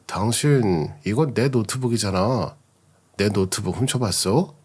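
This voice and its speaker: A man's voice: on the low side, unhurried, darkish tone, husky. A man voicing a cheating husband who blusters and denies everything. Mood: defensive. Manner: blustering, evasive. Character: cheating husband caught out, defensive.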